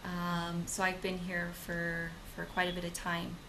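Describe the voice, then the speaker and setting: A woman's voice: lowish voice, monotone, unhurried, bright, forceful tone, a little hiss or hum, rough recording. A young woman co-hosting a channel, introducing herself in casual talk with many hesitant fillers and restarts. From Okinawa, Japan; grew up in the United States. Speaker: channel co-host. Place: home in Madrid.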